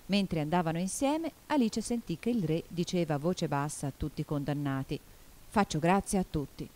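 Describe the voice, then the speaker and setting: A woman narrating a storybook in an expressive, measured reading. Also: low-pitched. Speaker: audiobook reader.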